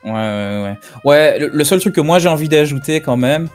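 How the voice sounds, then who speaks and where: A man's voice: a little high, lively intonation, normal speed, a little mellow, soft background music. A man in a casual group discussion over a call, rambling with lots of fillers and asides. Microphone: computer on a call.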